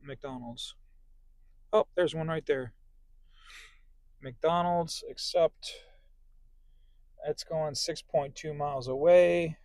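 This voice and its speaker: A man with a gravelly, fry-laced voice talks casually from inside his parked car. He rambles along with plenty of ums and restarts. The sound is close and dry on a small clip-on mic. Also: medium pitch, a little mellow, no echo. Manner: rambling, filler-heavy talk. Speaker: delivery driver vlogger. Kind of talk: casual vlog chat. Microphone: small clip-on phone microphone.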